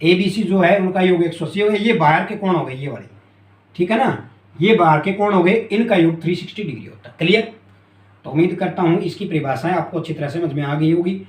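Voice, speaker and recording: A man teaching a math lesson at a board, repeating key terms and often asking if it is clear. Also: high voice, a little fast. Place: classroom with a board. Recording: echoey room.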